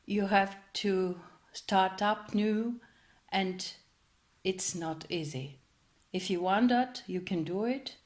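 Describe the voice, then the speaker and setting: Slow-spoken woman. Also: medium pitch. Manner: slow, halting, searching for words. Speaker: interviewee. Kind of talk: personal testimony to camera.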